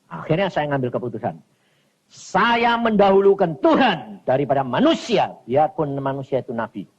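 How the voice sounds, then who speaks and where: A male preacher, giving a lively, colloquial sermon. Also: fairly high pitch, normal speed, husky, highs cut off. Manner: animated, colloquial, mixes in Javanese words.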